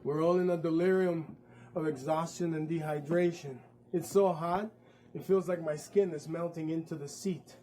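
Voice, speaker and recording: A man's voice: fairly high pitch, steady tone, moderate pace, warm tone, a little hiss or hum, rough recording. A man narrating his own story in a one-man stage show, vivid and with wry asides. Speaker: performer.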